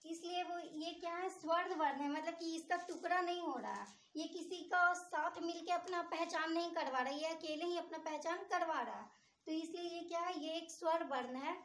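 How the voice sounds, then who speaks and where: A woman's voice: very high-pitched, moderate pace, a bit bright. A woman teacher explaining grammar step by step, posing questions to her students and answering them herself. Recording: echoey room.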